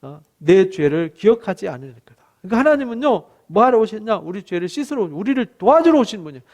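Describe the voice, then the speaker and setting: A middle-aged man preaching a Bible exposition sermon as pastor. He pleads in a conversational tone, fills pauses with "eo," and acts out God's voice with rising emphasis. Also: sits high, big pitch swings, a little mellow.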